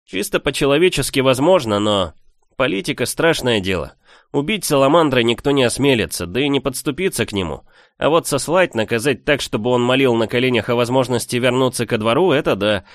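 A male narrator voicing a lively, teasing young man in an audiobook, talking in a raised, animated voice. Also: medium pitch, fairly quick, no room sound, clean studio sound, voice pushed up, natural voice. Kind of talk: audiobook character voice.

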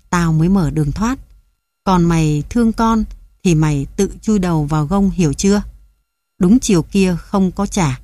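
A man's voice: fairly high pitch, warm tone, no echo, lightly acted. A woman reading the part of a greedy, domineering old village chief who makes coarse threats.

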